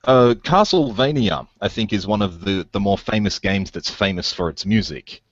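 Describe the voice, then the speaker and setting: A man's voice: fairly low pitch, normal speed, no room sound, highs cut off. A man in a casual podcast chat, rambling with enthusiasm as he recommends things.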